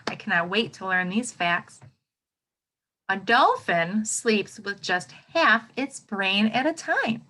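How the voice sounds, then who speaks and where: A woman with an American accent and a medium-pitched, somewhat bright voice reads aloud to children as their teacher. Along the way she exclaims and asks her young listeners questions in this read-aloud lesson with commentary.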